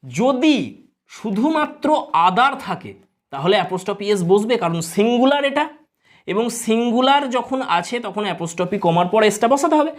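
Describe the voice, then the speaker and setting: Bengali woman teaching grammar with lively pitch. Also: moderate pace. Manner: explains step by step, asks students rhetorical questions. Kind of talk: exam-prep grammar lesson.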